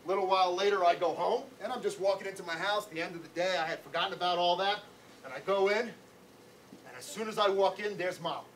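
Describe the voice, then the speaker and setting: A middle-aged man, an anti-bullying educator, telling a personal story to schoolchildren in an animated, conversational way. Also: high-pitched, fairly quick. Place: classroom or school hall. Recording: distant mic, faint room noise.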